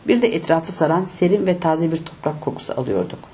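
A woman reading a novel aloud in a steady, measured audiobook narration. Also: low-pitched.

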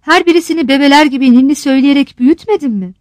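A woman's voice: high voice, very fast, a little mellow, no room sound, natural voice. A woman reading a novel aloud, voicing a hesitant grown son, a sea captain, who pleads with his mother. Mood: pleading.

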